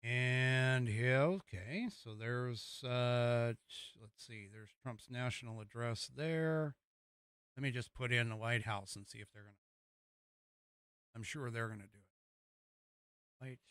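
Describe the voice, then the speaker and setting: An American man hosting a casual political commentary show, talking haltingly as he thinks aloud and reads out news. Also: medium pitch, fairly bright tone, clean tone, dry recording, studio quality.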